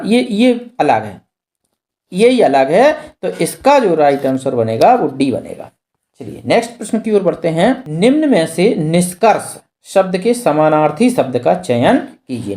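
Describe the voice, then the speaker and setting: Grammar teacher going through practice questions, warm mellow tone, repeats the key words. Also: medium pitch. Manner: explains step by step, repeating key terms; asks questions and then answers them. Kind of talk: exam practice lesson.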